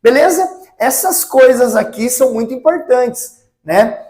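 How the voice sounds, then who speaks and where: Slow, patient man teaching in an echoey room. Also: very high voice, expressive, darkish tone. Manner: patient, repeats each example word slowly, tags lines with "tá?". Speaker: Spanish teacher. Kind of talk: recorded online language lesson. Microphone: close mic he speaks into for examples.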